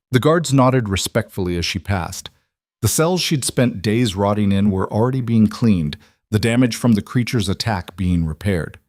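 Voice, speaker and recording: A man narrating a scripted fantasy story in an even, steady reading. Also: fairly low pitch, no room sound, clean studio sound.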